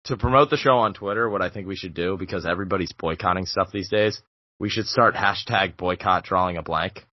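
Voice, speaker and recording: A man's voice: low-pitched, brisk, muffled recording. A young man co-hosting a podcast, joking sarcastically in casual banter. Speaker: podcast co-host. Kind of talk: casual chat.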